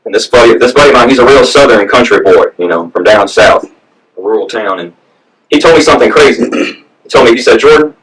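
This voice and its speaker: A man from the American South doing a stand-up set, telling stories in a deadpan way. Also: medium pitch, fast. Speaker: stand-up comic. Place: comedy club stage with audience. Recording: distant mic, loud crowd.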